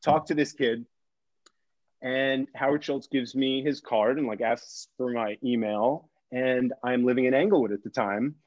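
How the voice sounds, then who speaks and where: A man on a podcast telling a story in an animated, casual way, saying "like" a lot and acting out the voices. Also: medium pitch, unhurried, no room sound, lo-fi sound. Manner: excitable, heavy use of "like", acts out voices.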